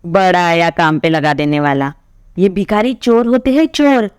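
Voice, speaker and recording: A woman's voice: lowish voice, unhurried, clear, resonant tone, no echo, clean studio sound, natural voice. Woman playing Aarti, a fierce scolding sister. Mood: angry scolding. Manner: sharp, scolding, rising to loud outbursts. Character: angry scolding older sister, proud of family honour.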